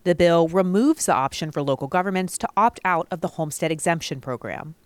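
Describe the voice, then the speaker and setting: A woman's voice: on the low side, a little fast, slight background noise. An American woman working as a radio reporter, reading a scripted news report.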